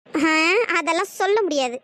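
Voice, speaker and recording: A shy young woman in a cartoon, stammering and dodging a question, as a performer voices her. Her voice is squeaky and very high. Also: normal speed, fairly bright tone, no room sound. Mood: flustered, teasing. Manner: hesitant, stammering.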